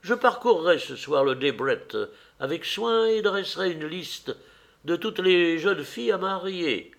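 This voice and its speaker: A man voicing an old society hostess, a bossy matchmaker who talks in a fussy, commanding way with a raised, fluttery pitch. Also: lively intonation, unhurried, vocal fry, fairly bright tone, full character voice. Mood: chiding.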